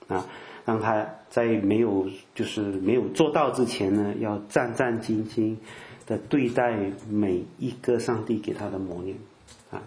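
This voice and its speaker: Older man, preacher, low voice, chatty with fillers, echoey room. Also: a little mellow. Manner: conversational, lots of filler particles, acts out quotes. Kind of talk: sermon.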